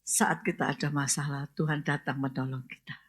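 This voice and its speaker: A woman's voice: low-pitched, steady tone, fairly quick, slightly rough. A woman pastor, preaching a sermon and asking the congregation questions, rising to emphatic exclamations.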